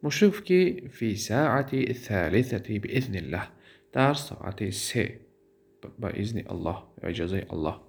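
A man with a Tajik accent teaching a grammar lesson. He drawls out word forms, asks questions and answers them himself, and pauses on fillers. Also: lowish voice, expressive, breathy edge. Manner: drawls out word forms, repeats them slowly, then translates. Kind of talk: classroom lesson.

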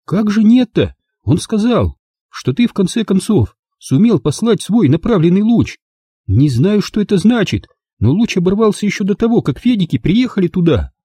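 A man voicing an excitable, indignant young woman in an audiobook, talking in high, insistent exclamations. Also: normal speed, slightly rough, no echo, clean studio sound, heavily acted.

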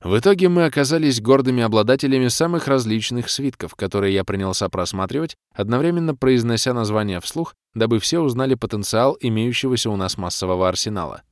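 A man's voice: mid-range voice, animated, fast talker, hardly any pauses, dry recording, clean studio sound. A man narrating a first-person audiobook in a wry, ironic tone.

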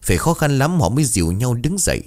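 A man narrating a ghost story in a dramatic, expressive way. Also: mid-range voice, quick pace.

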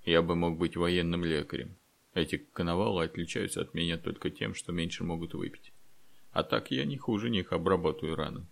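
A man doing a gruff, sardonic old soldier. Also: deep voice, fairly quick. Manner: gruff, mocking.

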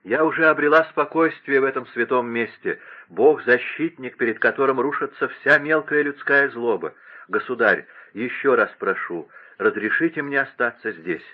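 A gentle young court lady , voiced by a male reader, begs softly in an audiobook, her voice tearful and low-keyed. The recording is a little muffled and lo-fi. She sounds worn down by grief yet firm. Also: moderate pace, lightly acted. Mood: pleading. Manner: pleading, tearful.

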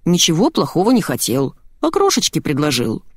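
A woman's voice: low voice, huge pitch swings, brisk, no echo, studio quality, full character voice. A woman voicing a cheerful, easily offended old father who talks in chummy slang in an audiobook.

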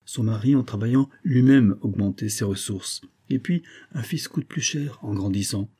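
A man's voice: on the low side, normal speed, warm tone, slightly rough. A man reading an audiobook, voicing a bitter, obsessive middle-aged man who argues insistently that he is wronged. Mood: self-justifying. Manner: agitated, reasoning aloud, insistent.

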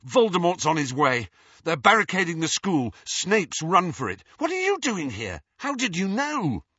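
A man's voice: high voice, very animated, moderate pace, fairly bright tone, slightly rough, no echo, dull audio, voice pushed up, exaggerated voice. A man voicing an earnest teenage boy in an audiobook, speaking urgently.

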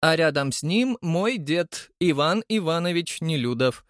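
A man's voice: on the high side, animated, a bit bright, dry recording, clean studio sound, pitched above the performer's own voice. A man doing an exultant old chairman. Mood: fervent. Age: older. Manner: exclamatory, drawn-out emphatic words. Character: triumphant old male chairman, fervent believer in fate.

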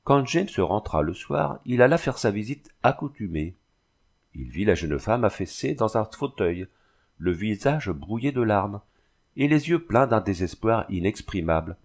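A man narrating a classic novel in a measured literary reading. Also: lowish voice, big pitch swings. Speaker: audiobook narrator. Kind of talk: scripted narration.

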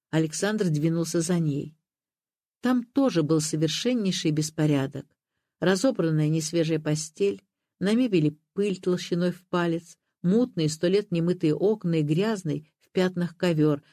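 A narrator reading a literary story in a calm, measured way. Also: mid-range voice, no echo, clean studio sound.

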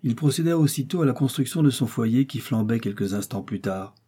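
Mellow, husky male audiobook narrator. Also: mid-range voice, lively intonation, fairly quick. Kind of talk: scripted narration.

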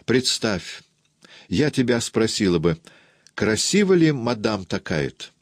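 Casting: fussy kindly aunt, chattering and confiding, raised pitch, voiced by a man; dry close recording. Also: big pitch swings, slow, dry recording, full character voice. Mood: eager.

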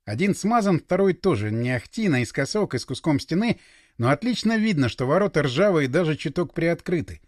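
Lively male audiobook narrator. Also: a little high, brisk, no echo, clean studio sound. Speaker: audiobook reader. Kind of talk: scripted first-person narration.

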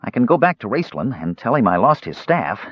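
A man's voice: medium pitch, very animated, a little fast, husky, dry recording, dull audio, pitched above the performer's own voice. A man voicing a cheerful, chatty young male kender who talks eagerly and a little self-importantly.

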